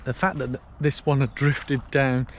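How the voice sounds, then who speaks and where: A British man vlogs casually while walking a canal path, chatting and telling stories to viewers. His voice is mid-range with little pitch movement, at normal speed. Faint traffic noise and outdoor ambience are present.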